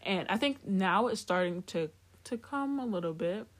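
Speaking at normal speed with a mid-range voice and lively intonation, this African woman co-hosts a podcast. Her talk is casual and candid, full of laughter and frequent tangents.

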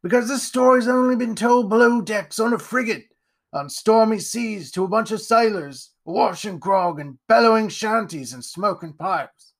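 A man voicing a gruff, scarred old male captain who talks in old seafaring dialect with a growling manner. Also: high voice, normal speed.

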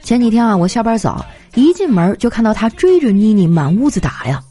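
A young woman telling comic anecdotes in a chatty, animated way, slipping into voices for the people in her stories. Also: medium pitch, a little fast, husky. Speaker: comedy storyteller. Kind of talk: scripted comic monologue. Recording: light background music. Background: faint music.

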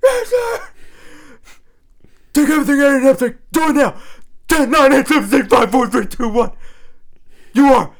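A man barking as a hoarse drill sergeant. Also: extremely high pitch, animated, normal speed, pauses often, voice pushed up, heavily acted. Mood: barking orders. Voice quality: gravelly, barking.

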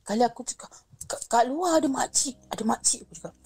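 A young woman recounts a personal ghost story in a casual, chatty way. Her voice sits fairly high, and she brings the story to life by acting out what each person said, dropping English phrases in as she goes. The sound is close and dry, with no room around it. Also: quick pace, breathy edge, no room sound. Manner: lively, acts out the other people's lines, mixes in English phrases. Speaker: guest sharing a ghost story.

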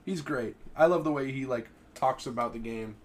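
A young man in casual podcast chat, relaxed and laughing easily, with lots of "like" fillers. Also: mid-range voice, normal speed. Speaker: podcast co-host.

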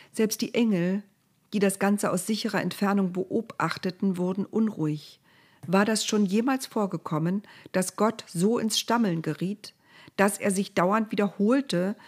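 A woman narrating a storybook in a calm, measured way. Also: medium pitch, slightly rough.

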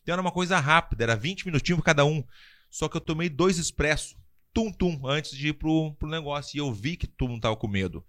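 A man with a fairly bright, high-ish voice and lively intonation talks fast as a podcast guest. He tells a story from the fight world in casual chat, acting out quotes and laughing often.

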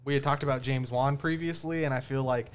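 A man in casual podcast conversation, loose and easygoing, talking about films. His voice sits at an ordinary middle pitch and wanders a bit between thoughts, trailing off now and then. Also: brisk, a little hiss or hum. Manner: relaxed, rambling with fillers. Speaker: podcast host. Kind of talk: casual film discussion.

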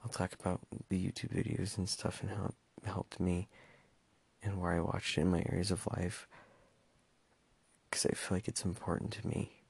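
Gravelly, husky young man, hesitant. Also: low-pitched, level tone, moderate pace, a little mellow, no room sound. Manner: hesitant, stumbling with many fillers. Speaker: podcast host. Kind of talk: casual personal monologue.

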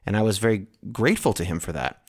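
A male podcast host speaks in a fairly low voice. His delivery is casual and conversational, as if talking things through with a co-host. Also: expressive, fast talker. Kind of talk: casual co-hosted podcast chat.

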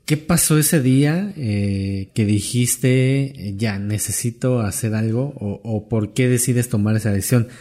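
A man hosting an interview, asking relaxed, rambling questions with casual slang. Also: mid-range voice, unhurried, hardly any pauses. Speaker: podcast host.

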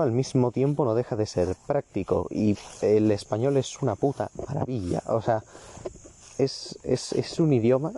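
A man's voice: medium pitch, warm tone, slight background noise. A seventeen-year-old man, ranting profanely and self-mockingly in a casual podcast-style monologue, recorded outdoors in a garden. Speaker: vlogger.

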